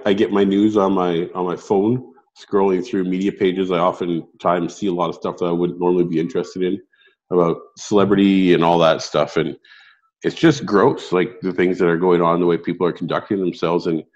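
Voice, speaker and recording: A middle-aged man with a gravelly, sandpapery rasp, chatting casually as a podcast co-host. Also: sits low, little pitch movement, normal speed, a little mellow, muffled recording. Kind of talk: casual chat.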